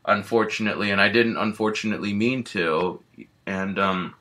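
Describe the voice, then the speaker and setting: A big, gentle grizzly bear who scares easily, voiced by a man rambles through a first-person storytime and leans on fillers constantly. His voice sits fairly low but rings bright and forceful. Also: steady tone, normal speed. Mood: rambling wistful.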